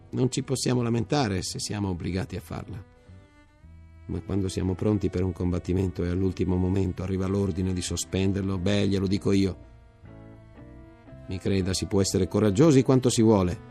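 A man voicing a gravelly, fretful old army major. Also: low-pitched, dark tone. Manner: fretful questions, later earnest confiding. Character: anxious fiftyish army major, nervous then relieved.

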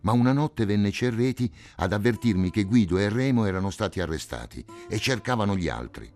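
A man reading a literary novel aloud in a measured way, letting phrase endings sink low and quiet. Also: lively intonation, faint music behind.

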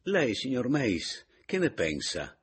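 A man voicing an agitated elderly man who runs a séance, in a husky, gravelly voice, insistent and loud. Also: medium pitch, wildly swooping pitch, slow pace, slight background noise, pitched above the performer's own voice. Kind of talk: dramatic audiobook reading.

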